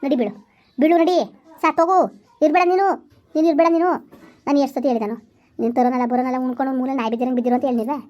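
A woman acts out a fiery village wife in a comedy skit, firing off her scolding at breakneck speed. Her voice sits high, and the recording is dull and muffled. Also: fairly even intonation, mellow, natural voice. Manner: rapid furious scolding. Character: sharp-tongued village wife scolding husband. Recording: muffled lo-fi sound.

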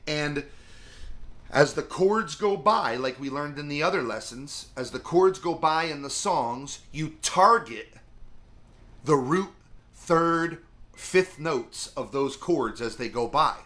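Middle-aged guy rambling thru a guitar lesson, lots of ums, bright voice. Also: fairly high pitch, expressive, slow. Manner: rambling, chatty, lots of fillers. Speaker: music teacher. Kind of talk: casual video guitar lesson.

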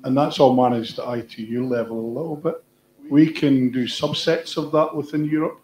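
A man's voice: medium pitch, steady tone, moderate pace, a little mellow, a little hiss or hum. Man explaining in an echoey hall. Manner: explanatory, loose with fillers and restarts. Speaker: panelist. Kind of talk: panel discussion. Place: large conference hall on stage. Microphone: room sound from far in the audience.

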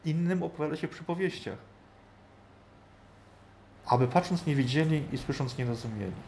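Male Bible study teacher, a touch high-pitched, chatty and informal, thinks out loud and checks in with the group. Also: animated, normal speed, gravelly, slight background noise. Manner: thinking aloud, often tagging questions to the listeners.

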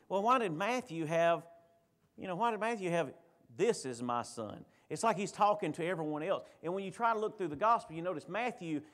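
A man preaching a sermon in a church, in a conversational way full of restarts and repeated words. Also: a little high. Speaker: pastor.

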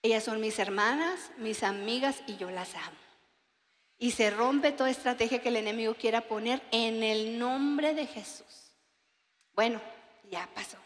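Mexican woman, 40s, conference preacher; high, crisp voice with a humorous, chatty delivery in a reverberant hall. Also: measured pace. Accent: Mexican Spanish. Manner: chatty, joking, acts out everyday dialogues. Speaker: conference speaker. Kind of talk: humorous sermon talk.

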